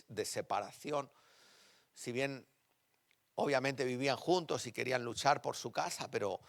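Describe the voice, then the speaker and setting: A man preaching in a church, his voice sitting at a medium pitch. He tells personal stories, pressing his points with loud emphasis and then dropping to quiet, close tones. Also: no echo. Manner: animated, shifting between loud emphasis and quiet intimate tones. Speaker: pastor.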